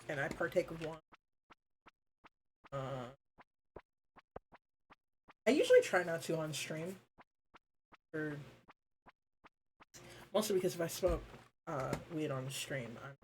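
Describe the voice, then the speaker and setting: A woman's voice: deep voice, a little hiss or hum, rough recording. A woman streamer chatting casually and rambling with her viewers, informal, with lots of fillers and the odd swear.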